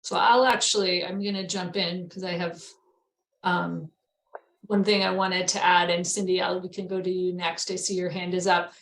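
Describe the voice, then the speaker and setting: A woman moderating an online meeting, relaxed and hesitant, with many pauses. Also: lowish voice, roomy sound.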